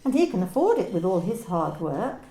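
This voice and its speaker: Here a woman plays a cool, controlling corporate manager with a clipped, condescending chill, reading for an amateur radio play. She has a lowish, warm voice with big swings in pitch and a normal speed. The audio is poor and sounds roomy.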